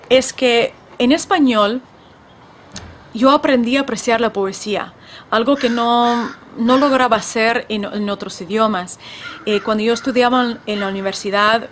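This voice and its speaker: Reflective woman, slightly high voice. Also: a little hiss or hum. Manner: thoughtful, with frequent restarts and fillers; Spanish shifting between several accents. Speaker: podcast host and language author. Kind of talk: reflective personal monologue. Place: California.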